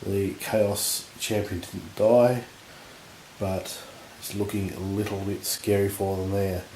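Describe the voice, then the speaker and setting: A man with a husky voice from recent illness, giving relaxed, rambling commentary on a tabletop battle. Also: on the low side, slow. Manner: relaxed, rambling, lots of fillers. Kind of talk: casual game commentary. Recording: echoey room with faint noise.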